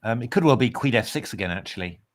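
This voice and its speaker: A man's voice: medium pitch, lively intonation, quick pace. A man commentating live on a chess game in a casual way, hesitating with lots of fillers and restarts.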